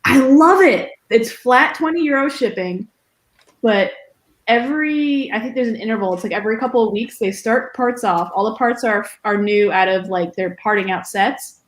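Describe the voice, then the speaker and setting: A woman's voice: fairly high pitch, moderate pace, roomy sound, low-quality recording. A woman guest chatting on a casual livestream, enthusiastic and rambling as she talks.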